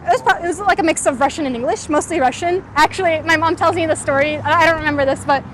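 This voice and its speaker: A California woman in her twenties talks casually about her startup in an interview while walking outdoors on a city street. Thoughtful but full of "like" and "um," she speaks fast in a high, fairly bright voice, with slight background noise.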